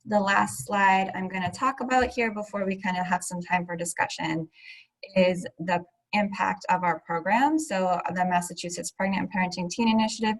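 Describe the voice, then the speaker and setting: A woman with a somewhat low voice presents a public health program over a video call. She talks in a measured, explanatory way, heard through a laptop microphone. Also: low-quality recording. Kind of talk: webinar presentation. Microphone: laptop mic on video call.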